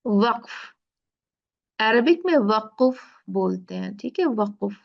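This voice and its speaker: A woman teaching Quran recitation rules, explaining slowly step by step and often checking in with her listeners. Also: fairly high pitch, animated, creaky, lo-fi sound. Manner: slow, explaining step by step with frequent "theek hai". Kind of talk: tajweed lesson.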